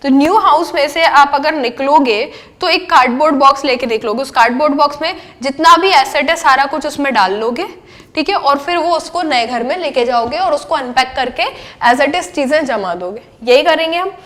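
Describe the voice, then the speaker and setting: A young woman with a high, bright voice gives a lecture on accountancy. She keeps asking the class questions and then answers them herself, and she slips English terms into her sentences. Her delivery is patient and explanatory. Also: normal speed. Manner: mixes English terms into Hindi speech. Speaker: accountancy teacher.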